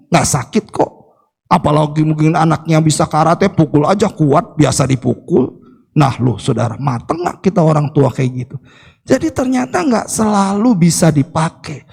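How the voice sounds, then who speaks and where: High, gravelly male pastor in a hall. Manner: lively, acts out family quotes, repeats "saudara yang kasih Tuhan". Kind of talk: sermon. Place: church hall. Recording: echoey church hall reverb.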